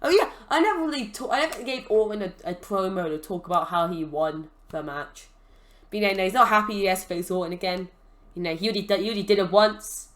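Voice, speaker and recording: A woman's voice: fairly low pitch, fast talker. A young woman giving rambling, chatty commentary on a wrestling management game as a gaming channel host. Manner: rambling, chatty, lots of fillers. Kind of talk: casual let's-play commentary.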